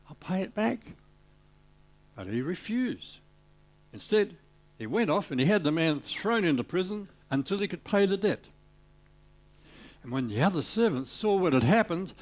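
A man preaching a sermon, retelling a parable with animated storytelling and little voiced parts for the characters. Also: a little high.

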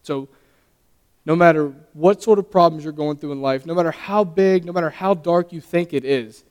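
Young male lay preacher, earnest and halting, smooth higher voice, long hall reverb. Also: darkish tone. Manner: earnest, halting, stumbles and restarts. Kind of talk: sermon.

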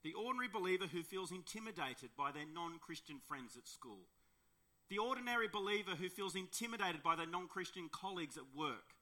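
An Australian man preaching to his congregation, telling stories in an easy conversational way. His voice is very bright and sits a little high for a man. He drops to quiet emphasis and asks the listeners questions. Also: expressive, fairly quick. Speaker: pastor. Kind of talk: sermon with opening prayer and personal story.

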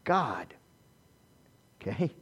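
A man's voice: sing-song, very slow, slightly rough. Man preaching with rhetorical questions. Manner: swings between loud emphasis and soft low asides. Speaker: pastor. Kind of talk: sermon.

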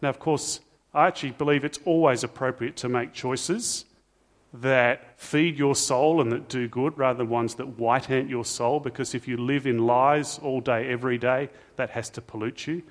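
A man's voice: mid-range voice, fairly even intonation, moderate pace. A middle-aged man, preaching a sermon as pastor in a chatty storytelling way with asides to the congregation. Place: church. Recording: reverberant church hall.

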